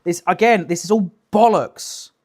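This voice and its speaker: Commenting on clips during a livestream, this young British man speaks in a high-pitched voice, a little slowly. His casual reactions come out incredulous, blunt, sweary, and emphatic.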